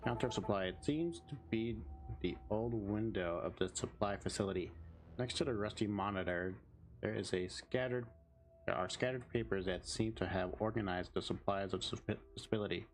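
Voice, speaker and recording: A man's voice: lowish voice, normal speed, a little hiss or hum. A man hosting a game playthrough, reading the text aloud with casual commentary. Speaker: gaming host and narrator.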